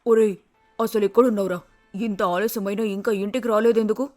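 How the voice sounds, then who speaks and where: A man's voice: sits high, fairly even intonation, brisk, a little mellow, no room sound, faint music behind, pitched above the performer's own voice, close to an everyday voice. A man voicing a frightened, urgent middle-aged village mother in a cartoon story.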